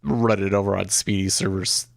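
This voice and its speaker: A slightly low-pitched man chats casually as a livestream host. His nose is blocked and congested, like someone sick after nose surgery. The voice crackles with fry and sits dry, with no room around it. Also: steady tone, normal speed, no room sound. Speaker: day trading livestream host.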